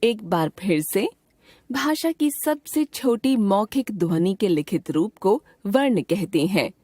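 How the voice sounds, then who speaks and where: Slow, deliberate woman reading a grammar lesson. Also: medium pitch, animated, warm tone, no echo, studio quality. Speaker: grammar teacher. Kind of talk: scripted textbook narration.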